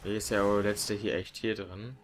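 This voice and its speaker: Man, slightly low voice, casual slangy gaming commentary, faint game noise. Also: flat delivery, moderate pace. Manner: colloquial, slangy. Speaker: let's player. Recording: game battle noise behind.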